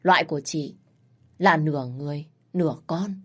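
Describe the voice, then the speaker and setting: A woman narrating a first-person family drama in a calm, measured way. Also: low-pitched.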